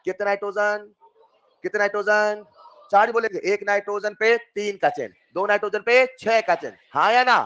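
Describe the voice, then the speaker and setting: A man, coaxing dear children with question after question. He jumps into loud, animated emphasis on the key points. The sound is dull and lo-fi. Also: high-pitched, moderate pace, clear, resonant tone. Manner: coaxing, repeats questions to students, calls them dear children. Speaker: chemistry teacher. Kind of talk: online class lecture.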